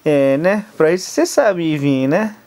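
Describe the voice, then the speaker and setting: A man's voice: fairly high pitch, animated, a little slow, a little mellow. A father filming his baby at home in a bedroom, coaxing her in playful baby talk with chuckles. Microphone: phone camera held while filming.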